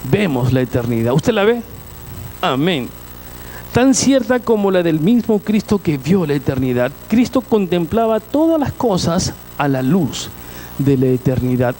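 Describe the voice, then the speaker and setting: Animated preaching man, dark mellow voice. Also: a little high, slight background noise, poor audio. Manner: animated preaching, swinging between loud and hushed; asks the congregation questions. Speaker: pastor. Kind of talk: sermon.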